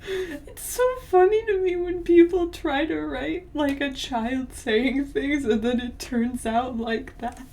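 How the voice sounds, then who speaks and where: Young woman, streamer, slightly high voice, giggly, sarcastic, casual reading with commentary. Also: takes it slowly, a little mellow. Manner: giggly, sarcastic, laughs often mid-sentence.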